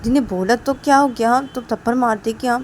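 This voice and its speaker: A woman narrator plays an indignant young brother, agitated over how his sister was treated. The voice is raised and pitched higher than her narration. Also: fast, a little mellow, slight background noise, lightly acted. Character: young man upset on his sister's behalf.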